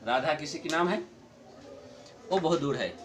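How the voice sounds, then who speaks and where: A middle-aged man teaching a grammar lesson to a class, explaining slowly, repeating his points and chuckling often. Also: fairly high pitch, animated.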